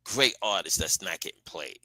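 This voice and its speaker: A man's voice: low-pitched, expressive, normal speed, sharp tone, no room sound. A middle-aged man in casual conversation, speaking emphatically and repeating his key phrases as an interview guest. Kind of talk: casual chat.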